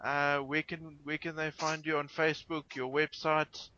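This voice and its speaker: A man hosts a casual podcast in a bright, forceful voice. He is polite and halting, repeating words as he goes. The audio is slightly dull, as from an online call. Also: on the high side, level tone, a little hiss or hum. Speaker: podcast host. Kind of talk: casual hosting chat.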